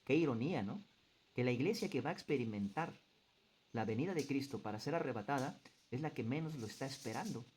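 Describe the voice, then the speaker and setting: A man's voice: medium pitch, animated, a little fast, a little mellow, a little hiss or hum. A man leading a group Bible study in an earnest, teaching manner, reading passages aloud and putting questions to the group. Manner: earnest teacher who quizzes the group and stresses points.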